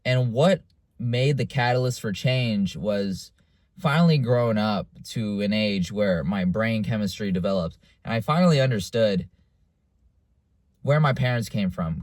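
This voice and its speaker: A young adult American vlogger delivers a candid personal monologue to camera, sounding casual and confessional with lots of fillers and restarts. His voice is low, dry and slightly mellow, at a moderate pace with no room sound.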